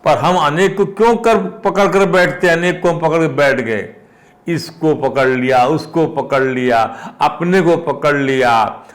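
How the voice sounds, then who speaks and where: Slow, deliberate older man giving spiritual discourse. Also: fairly high pitch. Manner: slow, repeats phrases, rises emphatically on key points.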